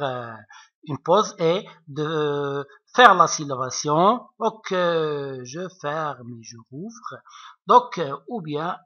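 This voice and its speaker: A male teacher explains poetry slowly, his bright, forward voice stopping on fillers and checking in with his students. The sound is dull and lo-fi, with little top end. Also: sits high. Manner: hesitant, many fillers, keeps checking understanding. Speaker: French literature teacher. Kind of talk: recorded online lesson. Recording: dull lo-fi recording.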